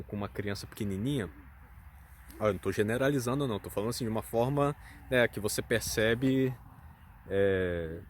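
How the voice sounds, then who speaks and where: Brazilian guy chatting on his channel, mid pitch, lots of uh and you know, bit of faint noise behind. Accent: Brazilian Portuguese. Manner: hesitant, many fillers and hedges. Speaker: channel host. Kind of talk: casual chat.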